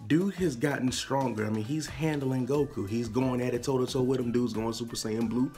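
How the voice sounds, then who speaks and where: A man's voice: medium pitch, brisk, mellow. Young man vlogging, music behind. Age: young adult. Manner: informal, slangy, rhetorical questioning. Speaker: host of an anime discussion channel. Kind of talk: casual vlog commentary to camera. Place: small indoor room with posters on the walls.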